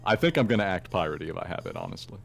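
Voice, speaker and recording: A man's voice: low voice, huge pitch swings, rapid-fire, vocal fry, slight background noise. A man playing a tabletop game, talking in a playful, mischievous way. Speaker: player.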